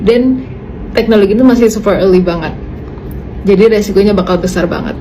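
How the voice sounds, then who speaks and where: Quick Indonesian woman explainer, noisy background. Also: medium pitch, dark tone. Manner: mixes English phrases into her talk. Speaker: tech content creator. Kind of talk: casual explainer with self-posed questions. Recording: clearly noisy ambient background.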